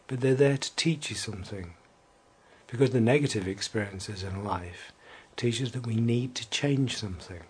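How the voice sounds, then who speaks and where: A man leading a guided evening relaxation, speaking slowly and soothingly and at times sinking to a soft whisper. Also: on the low side, breathy edge.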